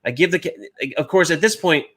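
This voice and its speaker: Man in his thirties, casual storytelling, animated, jumps high to act out other voices, from the US. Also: moderate pace. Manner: animated, acts out quoted voices with big pitch jumps.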